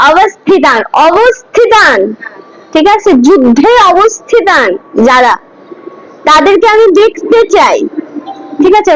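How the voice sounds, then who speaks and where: A woman's voice: extremely high pitch, poor audio. A woman teaching scripture pronunciation to a class, patiently breaking words into syllables and asking students to repeat after her. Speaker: Gita teacher. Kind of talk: slow pronunciation lesson.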